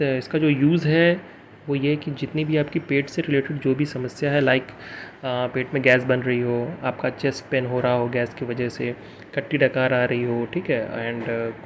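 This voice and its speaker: A man of middle pitch talks through a medicine review for his channel. He halts often, restarts phrases and mixes English words into Hindi. A faint hiss of background noise sits behind him. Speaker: pharmacy vlogger.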